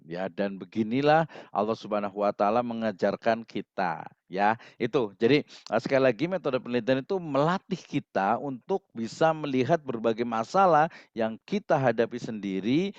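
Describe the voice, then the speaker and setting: A man's voice: mid-range voice, no echo. A male university lecturer, giving a conversational lecture with many fillers. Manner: conversational, many fillers, acts out quoted voices. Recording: muffled lo-fi dry recording.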